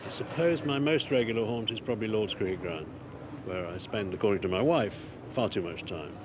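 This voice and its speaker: A man talking about holidays in a relaxed, measured way in a street interview. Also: fairly low pitch, background noise. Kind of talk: casual chat.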